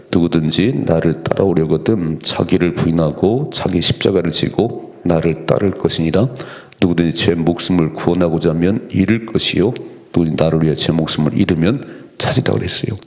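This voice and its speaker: Deep-voiced pastor preaching earnestly. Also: male voice, brisk, darkish tone. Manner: earnest preaching, acts out quoted lines with a raised voice. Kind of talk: early-morning prayer sermon.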